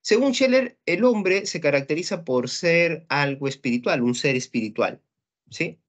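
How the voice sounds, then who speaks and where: A man's voice: on the high side, expressive, unhurried. A young man, teaching a pre-university philosophy class online. He explains step by step and keeps checking in with rhetorical questions. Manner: acts out quoted thoughts and sound effects.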